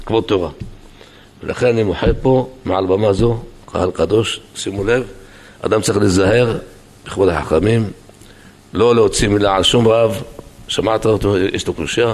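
A male rabbi with an Israeli Hebrew accent preaching a sermon to a congregation, acting out dialogue and shouting repeated words for emphasis. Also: lowish voice, creaky. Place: synagogue hall with congregation.

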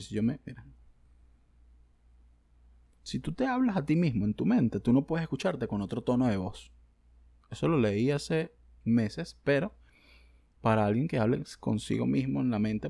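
A man with a Venezuelan accent doing a profane comedic rant. He sounds exasperated and crude, swinging from mutters to shouts. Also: mid-range voice, animated, moderate pace, creaky, slightly rough, no room sound, studio quality. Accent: Venezuelan Spanish.

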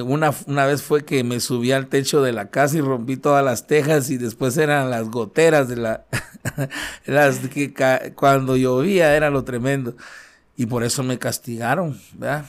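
A man with a Central American Spanish accent tells his own story as an interview guest. He speaks in a halting way, leaning on fillers and repeated tag questions at a medium pitch. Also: clear, resonant tone. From Guatemala, raised in El Salvador. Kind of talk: personal testimony in an interview.

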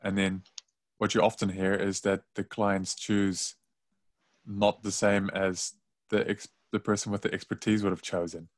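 A man with a fairly low voice chats casually on a video call. He works through his ideas out loud, hedging often with fillers. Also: flat delivery, unhurried. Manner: thinks aloud, hedging with "like" and "I don't know".

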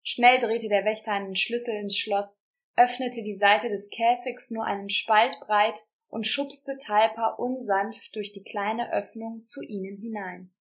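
A woman giving steady, measured storybook narration. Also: medium pitch. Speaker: audiobook reader.

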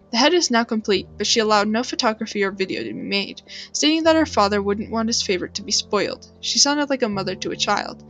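A woman narrating a horror story aloud in a steady, solemn reading voice. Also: mid-range voice.

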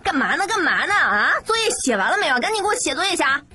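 A woman's voice: high-pitched, very animated, rapid-fire, pushed and bright, soft background music, full character voice. Woman doing a nagging scolding mother.

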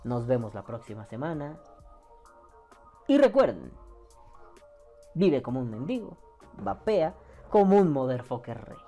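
A man with a Mexican accent hosting a podcast, reading viewer comments in casual, profane chat and jumping into high mock voices. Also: normal speed, soft background music. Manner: animated, swings into high mock voices, swears freely.

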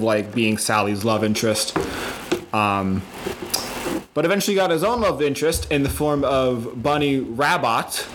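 A man in casual chat, rambling with lots of fillers and getting excited as he explains. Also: mid-range voice, a little hiss or hum.

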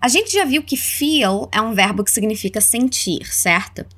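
A woman with a Brazilian accent teaching English words, saying each one slowly and clearly for listeners to repeat. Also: on the high side, lively intonation, a bit bright. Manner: slow, clear modeling of words for repetition. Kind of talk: language lesson narration.

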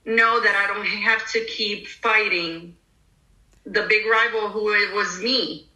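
A woman's voice: medium pitch, steady tone, slow pace, pushed and bright. Heartfelt woman on an echoey call. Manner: emotional, heartfelt, earnest. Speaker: book club member. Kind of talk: casual group discussion. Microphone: video call. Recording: echoey, distant video call.

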